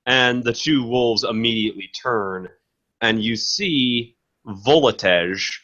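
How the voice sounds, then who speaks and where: A man narrating a tabletop game as game master, improvising and often halting to search for words. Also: medium pitch, bright, forceful tone, muffled recording.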